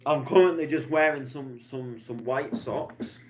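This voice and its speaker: This man, a DJ vlogger in his twenties, talks his way through a weekend vlog in a loose, wandering style full of fillers and false starts. He speaks at medium pitch without hurrying; the lo-fi audio is a bit dull, with a little hiss or hum.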